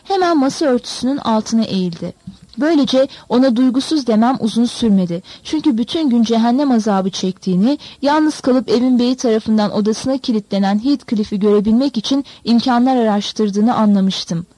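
A woman narrating a novel in a measured, expressive storytelling manner. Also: on the high side, no room sound. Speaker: audiobook narrator.

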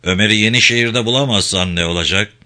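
A man voicing a jovial, gold-toothed middle-aged stonemason in a Turkish audiobook, speaking low and teasing. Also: fast, pushed and bright. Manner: teasing, paternal, low-pitched.

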